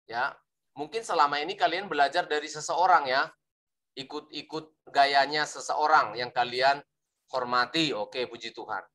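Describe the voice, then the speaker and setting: A man's voice: fairly high pitch, moderate pace, pushed and bright. A man teaching how to preach, speaking emphatically and demonstrating rising and falling intonation with playful teasing asides. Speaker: preaching instructor. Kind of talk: teaching lesson on sermon delivery.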